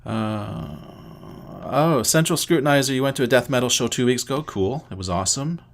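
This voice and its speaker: A middle-aged man from Canada talks casually at an ordinary, mid-range pitch. He hosts a livestream from a home setup, greeting viewers by name and thinking aloud while he fiddles with settings. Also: expressive, moderate pace, creaky. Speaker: livestream host.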